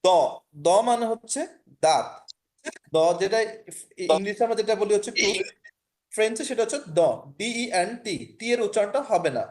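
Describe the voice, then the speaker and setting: Speaking at a normal speed in a high-pitched voice, a man with a Bangladeshi Bengali accent teaches a language class online over video. He is patient in his explanations, repeats himself, and frequently checks whether students are keeping up.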